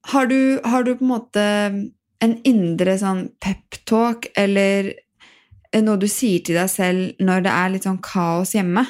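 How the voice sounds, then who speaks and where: A woman with a soft-edged, mellow and relaxed voice at an average pitch. She speaks as a podcast host, informal and chatty, with a conversational delivery. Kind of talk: casual conversational interviewing and informal ad reading.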